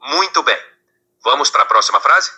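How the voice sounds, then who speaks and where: A synthetic-sounding male tutor voice with a very bright, slightly husky tone. He speaks patiently and encouragingly, slowing down for the model phrases, and sounds as if it is played from an app. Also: mid-range voice, lively intonation.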